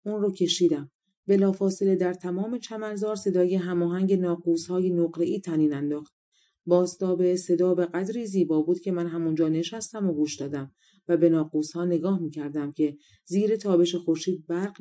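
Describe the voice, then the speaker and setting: A woman narrating a fairy tale audiobook, reading calmly and voicing each character in turn. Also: fairly low pitch. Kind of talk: storybook narration.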